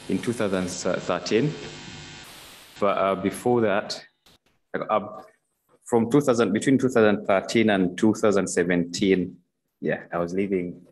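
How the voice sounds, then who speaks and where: Man, very low voice, young adult, from Uganda, halting church testimony, podium mic. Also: slight background noise, poor audio. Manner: hesitant, many fillers and restarts. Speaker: church member giving testimony. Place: church stage in a large hall. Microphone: podium microphone.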